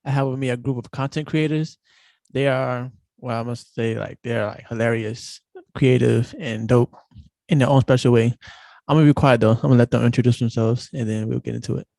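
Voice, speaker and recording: A man's voice: medium pitch, steady tone, a little fast, gravelly, a little mellow, dry recording. Slangy, laid-back male podcast host. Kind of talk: casual group interview.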